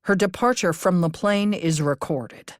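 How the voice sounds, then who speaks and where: A woman voices a calm, cautious businessman in a cozy mystery audiobook. He explains in a measured manner, low in register, with a dry, close sound. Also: dry recording, lightly acted. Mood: concerned.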